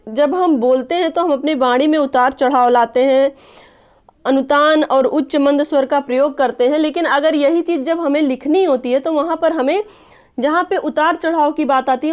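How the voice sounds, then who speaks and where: A woman teacher giving an online lesson, explaining step by step, addressing viewers as friends and often checking with "clear?". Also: high voice. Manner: checks understanding with a repeated "clear?". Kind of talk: online exam-prep lesson. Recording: dull lo-fi recording.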